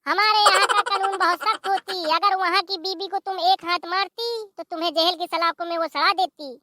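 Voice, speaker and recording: A voice actor playing a meddling male friend visiting from abroad in an animated comedy, teasing and handing out advice. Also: very high voice, brisk, slight background noise.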